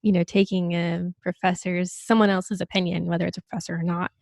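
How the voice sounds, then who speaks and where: A woman's voice: fairly low pitch, level tone, fairly quick, vocal fry, a little mellow, dry recording, clean studio sound. A woman co-hosting a podcast who gives her view tentatively and hedges her opinions. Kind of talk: casual interview conversation.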